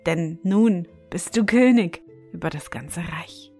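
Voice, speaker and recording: A woman voicing a gracious young princess freed from a spell in a fairy tale, speaking calmly and slowly over faint music. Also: lowish voice, vocal fry, slightly rough, voice pushed down, heavily acted.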